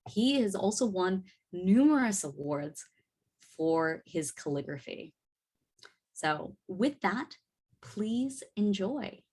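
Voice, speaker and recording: A woman's voice: mid-range voice, big pitch swings, slow pace, darkish tone, slightly rough. Cheerful woman emceeing an event. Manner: cheerful, upbeat. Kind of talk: event hosting.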